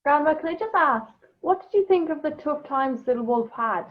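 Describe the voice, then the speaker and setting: A woman's voice: high-pitched, lively intonation, moderate pace. A woman presenting and asking questions in a casual, chatty style over a video call. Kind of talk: casual interview chat. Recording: dull video-call audio.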